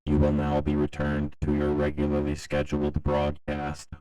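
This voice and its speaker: A grave emergency broadcast announcer, with an extremely deep voice that barely moves in pitch. He reads his warning in a measured, official monotone, like a public safety alert. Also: rough recording.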